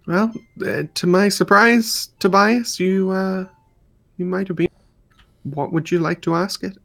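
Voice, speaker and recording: A man plays a tabletop game, narrating his character in a casual way. He speaks slowly, and the sound is close and dry. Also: sits high, steady tone, vocal fry, fairly bright tone, dry recording.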